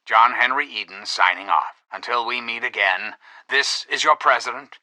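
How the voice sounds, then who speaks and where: A male actor playing a self-styled president in a video game, a calculating artificial intelligence who speaks in formal, measured, persuasive oratory. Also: mid-range voice, bright, forceful tone, dry recording, low-quality recording. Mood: stately, genial. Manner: grandiose, measured, courteous, persuasive. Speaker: president addressing personnel and listeners.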